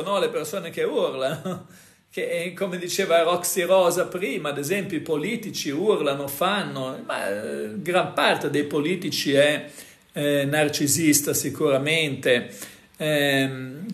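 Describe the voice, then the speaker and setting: A man's voice: on the high side, reverberant. A man hosting a casual talk, explaining things to viewers in a conversational way, full of fillers and tag questions. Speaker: host.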